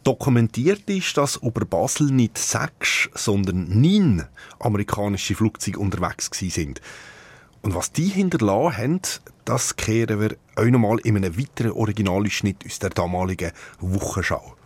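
A man's voice: fairly low pitch, expressive, normal speed, darkish tone, husky, no echo. A man with a Swiss German accent, a radio editor explaining things in a studio interview.

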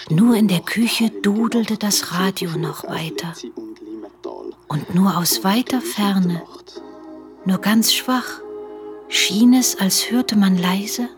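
A woman voicing a mother narrating a radio play in a hushed, sometimes snappish way. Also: mid-range voice, natural voice. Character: mother Sarah, storyteller, easily irritated.

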